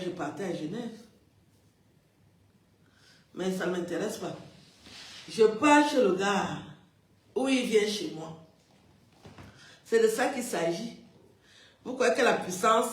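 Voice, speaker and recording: A woman's voice: medium pitch, animated, moderate pace, long pauses, far from the mic. A woman talking casually on a live stream, chatty and emphatic, often repeating her phrases. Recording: echoey room, away from the mic.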